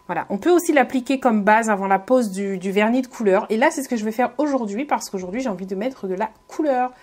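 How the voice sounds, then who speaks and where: Quick and fairly high, with a slightly mellow quality, her voice carries a casual beauty tutorial. The vlogger addresses viewers directly in a friendly, hesitant way, full of filler words and false starts.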